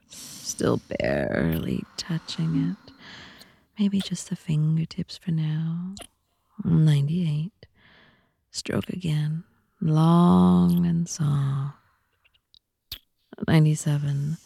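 A woman speaking slowly in a teasing, often whispered voice for an intimate audio roleplay. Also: low-pitched, vocal fry, mellow, slightly rough, dry recording, clean studio sound. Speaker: audio content narrator.

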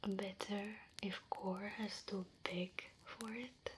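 A woman's voice: medium pitch, steady tone, slow pace, background noise, natural voice. A woman whispering close to the mic as a proud, curious female orc warrior who speaks broken English and talks about herself in the third person. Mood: boastful. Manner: soft close whisper throughout. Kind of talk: ASMR roleplay.

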